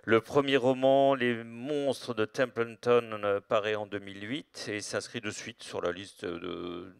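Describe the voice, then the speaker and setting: A man with a fairly low, gravelly edge to his voice hosts a literary interview. He is hesitant and meandering, pausing often, and sounds close and dry. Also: steady tone, no room sound. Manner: hesitant, meandering, with many filled pauses. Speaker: interviewer, event host.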